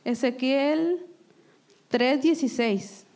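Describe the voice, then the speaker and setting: A woman's voice: high-pitched, slow, a little mellow. A woman giving an earnest testimony sermon to a church congregation, often turning to her listeners for agreement. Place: church service.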